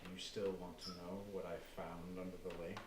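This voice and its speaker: A man playing a calm, grandiose cult leader who speaks softly and with chilling composure. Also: lowish voice, normal speed, close to an everyday voice. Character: calm, menacing middle-aged male cult leader. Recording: roomy and distant with faint noise.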